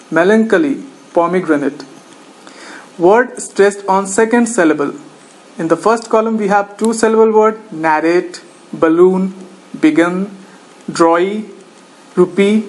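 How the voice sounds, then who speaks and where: Teacher doing a recorded lecture, reads word lists one by one, steady and methodical. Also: mid-range voice, poor audio.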